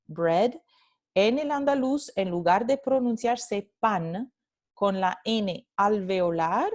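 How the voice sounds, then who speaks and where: In a recorded Spanish phonetics lecture, a woman with a mid-range voice explains at an unhurried pace, alternating between Spanish and English. She says example words aloud repeatedly so students can hear how they sound.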